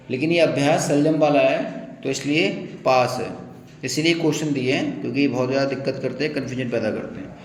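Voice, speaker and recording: Male teacher, exam quiz lesson, raised pitch, echoey room with long reverb. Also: darkish tone. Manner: explains, repeats words slowly, asks listener.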